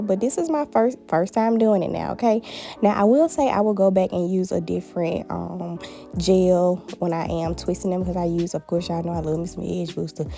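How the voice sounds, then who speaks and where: A woman vlogging a hair tutorial at a family home, chatty and playful, talking straight to her viewers. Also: medium pitch. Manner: animated, playful, talks straight to viewers with "honey" and "baby".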